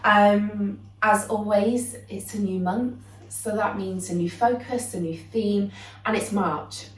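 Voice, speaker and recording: Woman, yoga teacher, calm explanatory talk, some um fillers, echoey room, mic a little far. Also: mid-range voice. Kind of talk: yoga lesson introduction. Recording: roomy echo, voice a bit off-mic.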